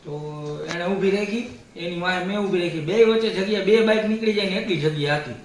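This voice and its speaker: This man's voice is high and his pace slightly quick as he casually recounts a story for a family vlog. He brings the tale to life by performing other people's lines. It was captured with a distant mic in a heavily echoing room.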